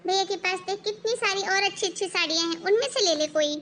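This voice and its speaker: Woman voicing a cartoon mother-in-law, calm, slow-spoken, very high bright voice. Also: a little hiss or hum. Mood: soothing. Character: older mother-in-law, calm family peacemaker.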